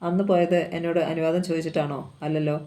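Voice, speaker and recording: A reader voicing a hurt young man who reproaches a former love, in a flat, mellow tone. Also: mid-range voice, quick pace, natural voice. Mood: resentful. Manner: reproachful, resentful.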